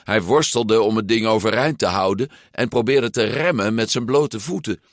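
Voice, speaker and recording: A man reading a storybook aloud as narrator, expressive and unhurried. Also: lowish voice, no echo, studio quality.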